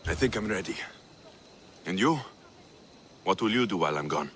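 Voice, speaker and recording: A man's voice: deep voice, expressive, normal speed, fairly bright tone, slight background noise. A man acting a bold, confident young Spartan mercenary in a video game, blunt and wry. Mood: wry, focused.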